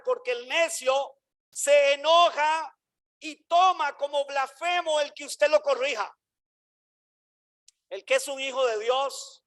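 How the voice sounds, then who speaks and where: A male pastor preaching a sermon, emphatic and full of rhetorical questions to the congregation, slowing down to stress points and sometimes shouting. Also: very high voice. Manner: swings between slow stressed phrases and sudden shouts.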